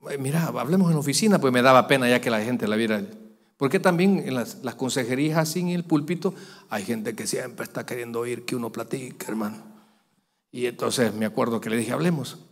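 Animated pastor in a reverberant hall. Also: male voice, mid-range voice, a little fast. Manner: animated, acts out voices in his anecdote. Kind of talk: storytelling sermon. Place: church hall. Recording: long church hall reverb.

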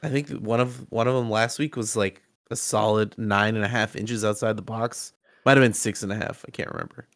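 A man's voice: fairly low pitch, steady tone, moderate pace, a bit bright, no echo. Wry co-host man with a sick voice. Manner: joking, wry banter. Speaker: podcast co-host. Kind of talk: casual podcast chat.

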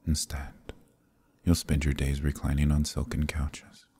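A man voices a suave, possessive demon prince for ASMR roleplay, his tone very deep, gravelly and dark yet monotone, at a measured pace. Hushed and purring, he often whispers huskily right against the mic, exaggerated in style, equal parts commanding and indulgent.

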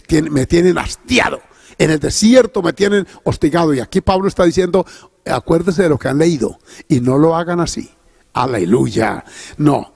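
A man preaching a sermon with a gravelly, somewhat high voice. He delivers it with emphatic force and keeps breaking in with praise. The recording is close and dry. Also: a little mellow, no echo. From Colombia. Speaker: pastor.

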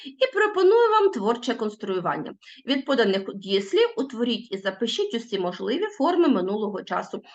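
A woman's voice: fairly high pitch, big pitch swings, dull audio. A woman teacher giving a recorded lesson. She patiently reads out word forms one at a time and talks straight to her pupils. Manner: addresses pupils directly, asks them to pause the video.

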